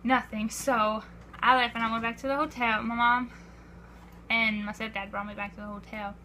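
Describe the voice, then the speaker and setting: A teenage girl telling an excited vlog story, breathless and full of "I was like", acting out quotes. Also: fairly high pitch, moderate pace, a little hiss or hum. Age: teens. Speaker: vlogger.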